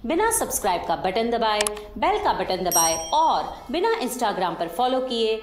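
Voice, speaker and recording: A woman making a mock train-station announcement over the intercom in a formal, measured announcer manner. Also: on the high side, very animated. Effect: railway station loudspeaker announcement over the intercom. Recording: echoey public address with music behind.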